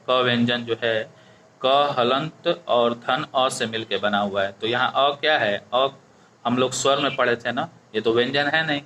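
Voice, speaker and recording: Bright-voiced male teacher. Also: mid-range voice, slight background noise. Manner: explains step by step, keeps asking "ठीक है?". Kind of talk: exam-prep grammar lesson.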